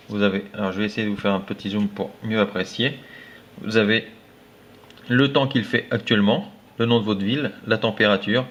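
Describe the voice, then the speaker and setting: A man with a fairly low voice talks through a screen-recorded demo of phone themes in a relaxed, friendly manner. He pauses often and leans on fillers as he goes. The recording sounds dull and lo-fi. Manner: halting, filler-heavy, friendly. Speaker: tech blogger demoing phone themes. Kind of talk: casual screen-recorded walkthrough.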